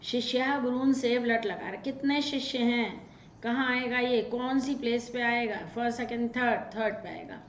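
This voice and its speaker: Brisk woman drilling grammar in a roomy space. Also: fairly high pitch, fairly even intonation. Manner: brisk and drilling, reciting verb forms. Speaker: Sanskrit teacher. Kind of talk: grammar lesson to students. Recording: roomy, dull lo-fi sound with faint noise.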